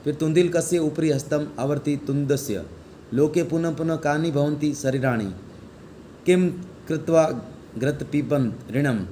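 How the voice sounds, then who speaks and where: A man's voice: on the high side, measured pace, mellow, a little hiss or hum. Male teacher quizzing his online class. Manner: asks the class a question, then answers it himself; reads Sanskrit text aloud, then explains it in Hindi.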